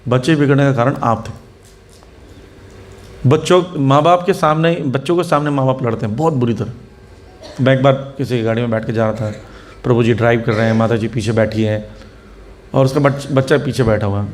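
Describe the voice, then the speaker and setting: A man's voice: medium pitch, a little mellow. A man preaching to a seated audience, telling anecdotes, acting out the people in them and asking rhetorical questions. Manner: storytelling, acts out the people in his anecdotes. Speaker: spiritual teacher. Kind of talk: Hindi sermon to a seated audience, mixing English words.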